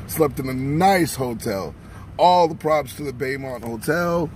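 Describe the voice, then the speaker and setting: The vlogger speaks at a medium pitch with lively intonation and a darkish tone, taking his time, and there's slight background noise. Filming a casual travel vlog outdoors on windy town streets, he chats and narrates himself wryly while his voice fades, music playing beneath.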